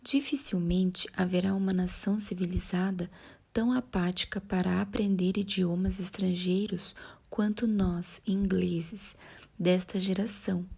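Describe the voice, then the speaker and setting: A woman reading a nonfiction audiobook aloud in a soft, breathy near-whisper, now and then correcting a slip. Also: fairly low pitch, level tone, measured pace. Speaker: audiobook reader.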